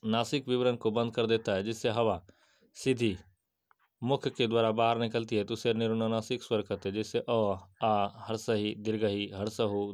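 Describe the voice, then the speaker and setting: A man giving an exam-prep grammar lesson, reciting definitions and examples in a steady list-like way and answering his own questions. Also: on the low side. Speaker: teacher.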